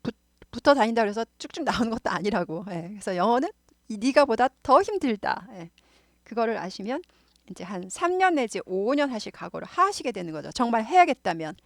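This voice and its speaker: A woman's voice: fairly high pitch, sing-song, fairly quick, no room sound, studio quality. A middle-aged woman with a Seoul accent, explaining English grammar in a casual, chatty lesson, repeating points and drifting into asides. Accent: Seoul Korean. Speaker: English teacher.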